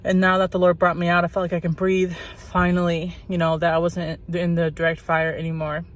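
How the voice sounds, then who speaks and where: A woman's voice: fairly low pitch, monotone, a little fast. Woman with a thick, sore-throat voice. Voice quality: slightly muffled by a cough drop in the mouth. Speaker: channel host.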